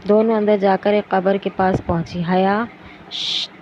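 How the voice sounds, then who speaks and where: A woman reads a novel aloud in a steady storytelling manner. The recording sounds dull and lo-fi, with clear noise in the background. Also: mid-range voice, normal speed. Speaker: audiobook narrator.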